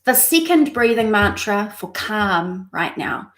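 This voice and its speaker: A woman's voice: mid-range voice, big pitch swings, slow pace, a bit bright. A woman coach leading a guided breathing exercise on a live stream, speaking in a reassuring way and often checking in with the listener. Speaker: mindset coach. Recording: roomy echo.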